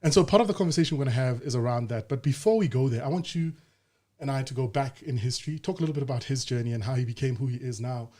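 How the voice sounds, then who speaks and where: A man's voice: medium pitch, very fast. A man, hosting a podcast and speaking straight to his viewers in an upbeat way. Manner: energetic, direct address to the audience. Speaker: podcast host. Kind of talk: podcast interview.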